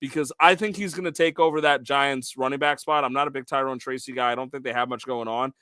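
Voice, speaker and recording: Bright, lively man talking sports. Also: medium pitch, no room sound, clean studio sound. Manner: excitable storyteller, quick asides. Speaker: podcast co-host. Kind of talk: casual sports chat.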